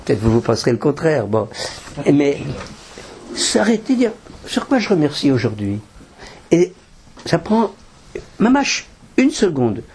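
A man's voice: fairly high pitch, huge pitch swings, measured pace, pauses often, a little mellow, slight background noise. An older man, a rabbi, teaching a Torah class with practical advice and Hebrew terms woven in. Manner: explanatory, practical tips, mixing in Hebrew terms.

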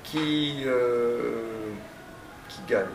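A male teacher giving a classroom lecture, often stammering and restarting, stressing points with drawn-out phrasing. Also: mid-range voice, creaky. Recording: echoey room, distant mic, faint noise.

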